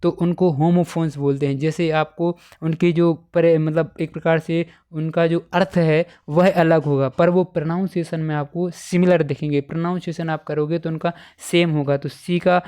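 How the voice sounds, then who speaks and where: A male teacher, walking schoolchildren through exam answers step by step and dictating them slowly with repetition. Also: on the high side, little pitch movement, mellow, clear, resonant tone. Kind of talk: exam paper walkthrough for schoolchildren.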